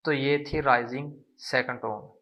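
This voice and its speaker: A man teaching a language lesson, explaining slowly and patiently and repeating syllables to demonstrate them. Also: mid-range voice, steady tone, highs cut off. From Pakistan.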